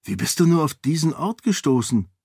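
An eager, curious young man whose voice climbs noticeably above the narration and pushes forward with excitement, as a male narrator puts him on. It is a storybook reading recorded very dry and close. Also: a little high, moderate pace, no room sound, voice pushed up.

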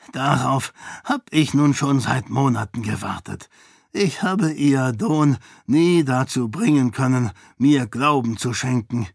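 Narrator puts on a gloating fat count, lower voice, arrogant and impulsive, slow. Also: male voice, vocal fry, slightly rough, no room sound, studio quality, heavily acted. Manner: gloating, mocking.

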